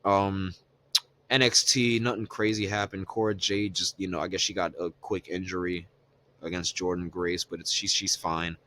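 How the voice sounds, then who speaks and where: A man co-hosts a podcast in relaxed, profane casual chat, recapping the week's wrestling. His voice sits very low, and he talks loosely, with plenty of ums and "you know"s. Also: normal speed, slight background noise. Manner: loose and profane, lots of fillers. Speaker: podcast co-host.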